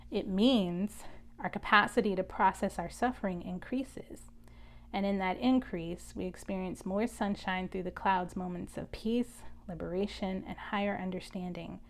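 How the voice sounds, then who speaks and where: A woman giving an energy reading, speaking in a measured, contemplative way and leading a guided prayer. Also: mid-range voice, creaky. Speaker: spiritual reader.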